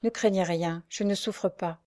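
A woman voicing a timid young female prisoner who speaks softly and pleads, reading a storybook. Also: fairly low pitch, fairly even intonation, a little slow, lightly acted. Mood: pleading. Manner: soft, quiet, pleading.

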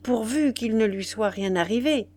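A woman reading the lines of a grave, wise old grandmother in an audiobook, measured and serious. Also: on the high side, animated, a little mellow, no room sound. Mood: grave, concerned.

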